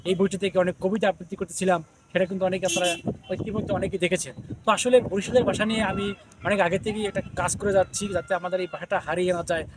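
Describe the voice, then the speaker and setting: A man from Barishal speaks as an interviewed poet, earnest and increasingly emphatic. His voice sits high and his words come fast. A faint hum of ambient noise runs behind him. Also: rough recording. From Barishal region, Bangladesh. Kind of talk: interview answers.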